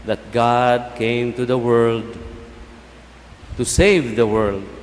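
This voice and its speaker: A Filipino man, a native Cebuano speaker, preaching as a priest in a solemn, measured way with pauses between short phrases. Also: medium pitch, flat delivery. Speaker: priest giving a homily. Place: large church, speaking through a sound system. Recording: long basilica echo, some background noise.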